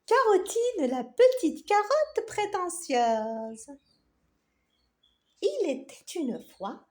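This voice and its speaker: A woman telling a scripted children's story in an expressive, theatrical manner, addressing young listeners. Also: high-pitched.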